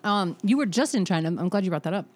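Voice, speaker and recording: A woman's voice: mid-range voice, expressive, darkish tone. A woman hosting a casual podcast, playful and teasing, with frequent swearing. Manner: playful, profane, quick to tease. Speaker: podcast host.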